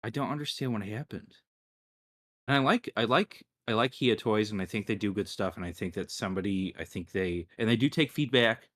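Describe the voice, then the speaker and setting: A man co-hosting a casual live-stream chat, rambling and restarting his sentences, often trailing off quietly. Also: lowish voice, brisk. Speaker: co-host.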